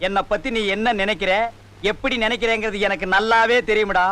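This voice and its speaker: A hot-tempered fake village priest with a very high, bright voice who keeps barking insults at his helper. The scene comes from a film comedy. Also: steady tone, a little fast. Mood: scolding. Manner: scolding, abusive.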